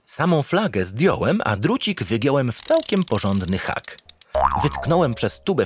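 Slight background noise sits under this man's lowish voice. Narrating a sci-fi comedy audio drama in scripted first person, he's theatrical and playful in the role of a cheery, smug, not-very-bright spaceship captain.

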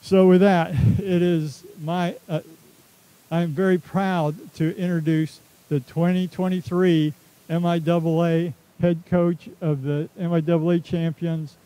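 A man from Texas tells rambling, self-deprecating stories at a ceremony in an outdoor stadium. His voice sits a bit high but sounds dark and mellow. He talks through a stadium microphone. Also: little pitch movement, a little slow, no room sound, rough recording. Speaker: athletics director. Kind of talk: casual speech at a ceremony.

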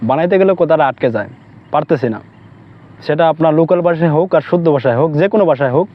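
A man gives casual vlog advice at a quick clip, circling back and restarting his sentences often. His voice sits a little high, and the lo-fi recording sounds dull and muffled. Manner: rambling, repeats himself, many restarts. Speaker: vlogger.

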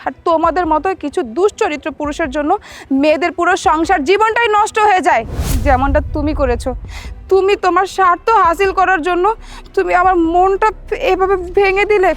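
Brief: high-voiced woman, reproachful wife role, faint music underneath. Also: fairly bright tone. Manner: reproachful, lecturing. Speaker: actor playing a betrayed wife. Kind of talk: short film drama acting.

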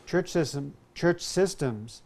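A man's voice: fairly high pitch, expressive, takes it slowly, vocal fry, a little mellow. Older male panelist adding a point. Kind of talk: TV panel discussion. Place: TV studio set.

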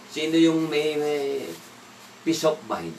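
A man's voice: fairly high pitch, lively intonation, slow, a little mellow, a little hiss or hum. A man leading an evening devotional, talking in a casual way, asking the listeners questions and slipping in English words. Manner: asks the listeners questions, mixes in English words, laughs now and then. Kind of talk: conversational Bible devotional talk. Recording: echoey room, voice from a distance.

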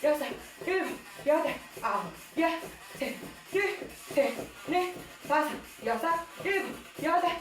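A high-voiced woman coaches a workout in a roomy, echoing space with music behind her. She counts reps aloud in short commands, leaving space between them and puffing out breaths. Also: expressive, measured pace. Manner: audible exhaling between counts. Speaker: home workout instructor.

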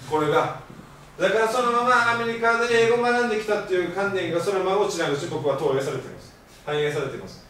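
A man giving an animated, joking lecture on language and pronunciation. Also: high-pitched, quick pace. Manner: animated, jokey, uses Okinawan-flavored sentence endings. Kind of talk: lively public lecture. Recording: echoey hall from far off, faint noise.

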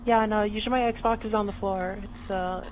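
A man's voice: high voice, steady tone, fairly quick, slight background noise, lightly acted, rough recording. A man voicing a casual young woman gamer in a gender-swapped feminine voice, chatting in a prank. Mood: friendly, coy.

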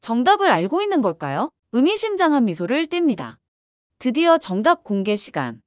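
A woman's voice: sits high, wildly swooping pitch, racing, dry recording, studio quality. A woman narrating a short video as scripted voice-over.

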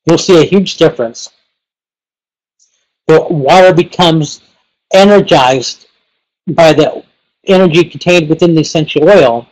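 A man's voice: on the high side, a little slow, pauses often, darkish tone, low-quality recording. A man giving a casual webinar lesson, rambling and leaning heavily on fillers like "you know" and "like". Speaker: pranic healing teacher.

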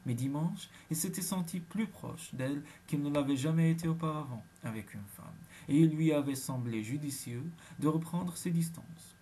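A man narrates a romance audiobook in a steady, measured reading. His voice is slightly husky and sits a little high for a man.

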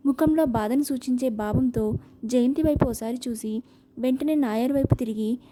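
Woman, audiobook novel narration, high voice, very mellow tone, steady and expressive. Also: moderate pace, a little hiss or hum.

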